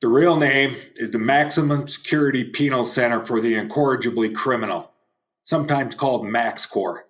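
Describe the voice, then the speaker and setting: A man's voice: mid-range voice, normal speed, fairly bright tone, close to an everyday voice. A man playing a smug, slimy, blustery senator who taunts and sneers in an old-time radio play. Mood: irritated, brusque.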